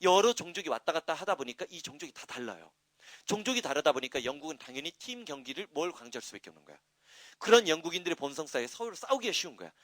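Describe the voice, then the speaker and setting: A middle-aged man teaching an English grammar class, talking fast and loosely, asking questions and answering them himself. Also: on the high side, no room sound. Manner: lively, talkative, asks and answers his own questions. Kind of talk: classroom lecture.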